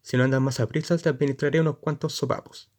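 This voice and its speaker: A man's voice: fairly high pitch, fairly even intonation, fast, natural voice. A man voicing a mocking, bossy young hunchback in a storybook reading. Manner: loud, taunting, bossy.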